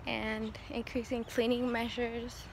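A young woman talks casually as she walks or runs along outside. Her voice sits a little high with very little rise and fall. It is recorded on a handheld phone, with clear outdoor noise behind her. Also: flat delivery, slow pace. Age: young adult. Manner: talking while on the move outdoors, walking or running. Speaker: vlogger. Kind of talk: casual chat to camera. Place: outdoors in the open air. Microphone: phone on a selfie stick at arm's length.

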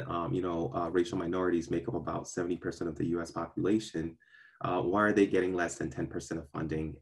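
Calling in by webcam from a park, a young guest who was born in Ghana and grew up in Brooklyn, now a venture capital partner, answers interview questions in a deep voice. He is earnest and measured, often saying um and starting his sentences over.

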